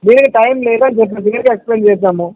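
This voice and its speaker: On a muffled phone recording with no room sound, a male loan recovery agent with a high voice argues heatedly and rapid-fire. He insists on repayment, talks over the other man, and keeps repeating the amounts owed.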